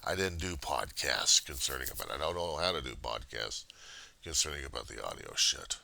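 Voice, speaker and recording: A man giving a casual, profane confessional monologue in a halting, raw and emotionally weary way. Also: rumbling low, expressive, creaky, bright, forceful tone. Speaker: personal video diarist.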